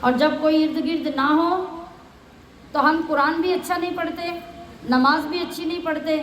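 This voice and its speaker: A woman's voice: high voice, a little hiss or hum. A woman teaching the Quran, reciting Arabic phrases and explaining each one in plain words, often asking her listeners questions. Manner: asks the listeners rhetorical questions. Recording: echoey room.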